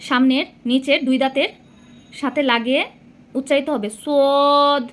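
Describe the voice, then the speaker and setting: A woman with a high-pitched voice leads a Quran reading lesson. She is patient and careful, sounding out each letter slowly and repeating it. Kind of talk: slow recitation lesson.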